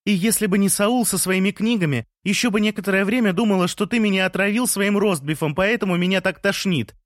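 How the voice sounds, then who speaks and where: A fiery young woman shouts and scolds in a raised, bright audiobook voice, as a male narrator puts her on. The recording is dry and close. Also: sits low, animated, fairly quick, no room sound, voice pushed up. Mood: excited shouting. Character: emotional young woman, loud and quick-tempered.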